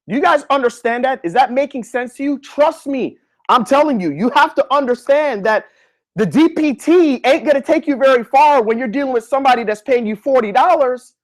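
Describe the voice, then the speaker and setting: A man who is a physical therapist, giving a live online lecture in a slangy, animated way, talking straight to his listeners. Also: very high voice, a little fast. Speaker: physical therapist coaching students.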